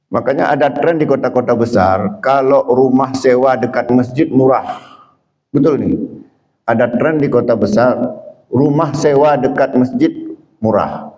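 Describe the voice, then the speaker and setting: A man preaching a sermon, who poses questions to himself and answers them, and who climbs high and loud when he quotes. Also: measured pace, pauses often, dull audio. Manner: explains by asking and answering his own questions; rises to high, loud emphasis when quoting. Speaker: Islamic preacher.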